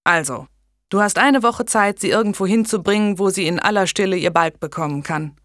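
A woman reading an audiobook, voicing a stern, angry medieval lord with a gruff, commanding manner. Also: medium pitch, fairly quick, a bit bright, no room sound, studio quality, lightly acted.

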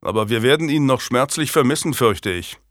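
A man's voice: mid-range voice, animated, a little fast, a bit bright, no echo, clean studio sound, natural voice. Man voicing a grave, loyal nobleman. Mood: grumpy.

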